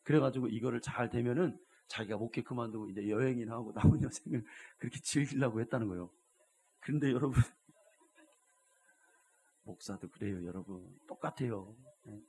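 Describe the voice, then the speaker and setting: A man preaching a Sunday sermon in church as pastor, telling stories and swinging from hushed asides to loud exhortation, often prompting the congregation. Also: medium pitch, a little fast, a little hiss or hum. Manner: keeps addressing the congregation with rhetorical prompts.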